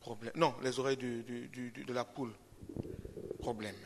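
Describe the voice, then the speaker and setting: A man's voice: medium pitch, a bit bright. A male pastor preaching a sermon, repeating his points emphatically and using caricatured animal stories. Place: church. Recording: reverberant church hall.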